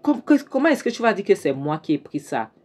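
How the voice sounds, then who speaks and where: A woman's voice: medium pitch, sing-song, a little fast, darkish tone, pitched above the performer's own voice. A woman voicing an aunt who protests, flustered, that she took no money. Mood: defensive. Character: defensive aunt accused of theft.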